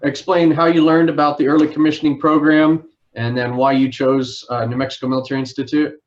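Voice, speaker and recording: A man working as a recruiting officer, hosting a live information session in a formal, orderly way with frequent filler pauses. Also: on the high side, level tone, muffled recording. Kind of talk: formal livestream presentation.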